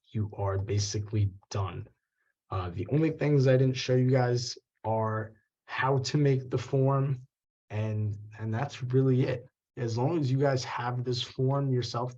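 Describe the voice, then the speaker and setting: A man's voice: mid-range voice, mellow. Loose-talking man on a dull call. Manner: casual, loose, many fillers and restarts. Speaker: software trainer hosting office hours. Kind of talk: live webinar walkthrough. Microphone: video call.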